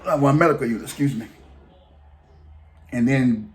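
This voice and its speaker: A man's voice: mid-range voice, normal speed. A man telling a long story in a casual, rambling, colloquial way, often restarting his sentences. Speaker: vlogger.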